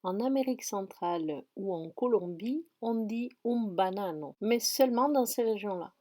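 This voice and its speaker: A woman's voice: mid-range voice, animated, normal speed, mellow. A woman with a Spanish accent, a teacher walking students step by step through an online dictionary in a screen-recorded tutorial. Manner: step-by-step, patient explaining.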